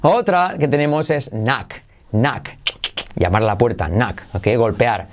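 Man, pronunciation teacher, slow deliberate delivery, modeling phrases to repeat. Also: medium pitch, sing-song, a little hiss or hum. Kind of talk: bilingual pronunciation lesson.

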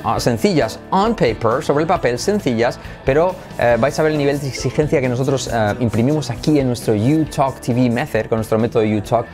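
A man gives an English pronunciation lesson. His voice sits at a medium pitch. He explains each key sound and repeats practice sentences slowly for the learners. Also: a little mellow, soft background music. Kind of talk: spoken language lesson.

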